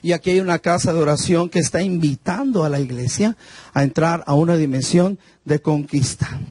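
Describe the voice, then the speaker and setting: A man's voice: on the high side, normal speed, a little mellow, no room sound. A man preaching a fervent sermon, telling his testimony and reading scripture with emphasis. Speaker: guest preacher. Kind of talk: Pentecostal sermon.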